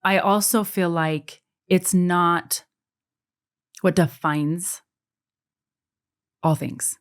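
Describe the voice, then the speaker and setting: A woman in her forties from a US military family, an adoptive mother and author, is a guest on a casual podcast. She talks earnestly and reflectively, often repeating words as she thinks, in a fairly low, clean-toned voice with fairly even intonation, speaking extremely slowly.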